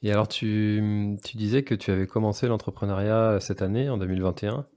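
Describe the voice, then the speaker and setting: A man hosting a relaxed podcast chat, with a low, warm, mellow voice. He asks his questions haltingly, with plenty of fillers, and the sound is dry and close. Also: dry recording. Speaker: podcast host. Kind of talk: casual podcast interview.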